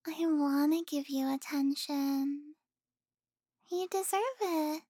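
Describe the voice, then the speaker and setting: A young woman playing an affectionate, teasing girlfriend in an intimate audio roleplay, speaking softly with sighs and giggles. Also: high-pitched, fairly even intonation, takes it slowly, no echo, clean studio sound.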